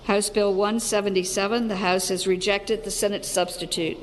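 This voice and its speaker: A woman's voice: medium pitch, moderate pace, big-room sound, a little hiss or hum, low-quality recording. Senate clerk woman reading tallies. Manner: flat, matter-of-fact announcements. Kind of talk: reading vote tallies and bill numbers.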